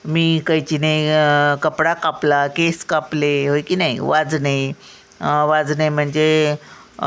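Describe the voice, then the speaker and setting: An older woman teaching a vocabulary lesson to children, patiently explaining each word with everyday examples. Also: a bass voice.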